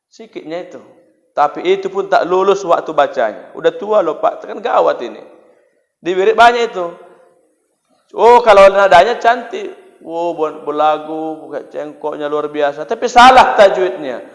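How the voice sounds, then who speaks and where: A man's voice: fairly high pitch, moderate pace. A male preacher giving a humorous sermon, acting out dialogues and chanting verses. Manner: lively, acts out dialogue, chants Quran verses. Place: mosque hall. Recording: echoey hall.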